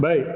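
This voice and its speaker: Slow-talking man in an echoing mosque. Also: background noise. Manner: demonstrates recitation, chanting Arabic phrases between plain explanation. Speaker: religious teacher. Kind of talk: mosque lecture on Quran recitation. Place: mosque hall. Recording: tinny echoey hall recording.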